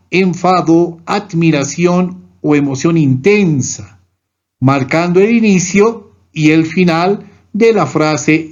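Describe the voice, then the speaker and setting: Slow high-voiced man teaching grammar. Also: highs cut off. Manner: reads numbered rules and examples one by one. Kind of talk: scripted lesson narration.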